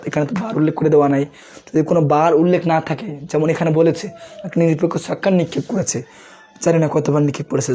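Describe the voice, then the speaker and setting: Hoarse fast-talking young male tutor. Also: on the high side, dark tone. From Bangladesh. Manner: quizzing students, answering his own questions. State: sore throat, unwell. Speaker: math tutor. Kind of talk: fast online revision class.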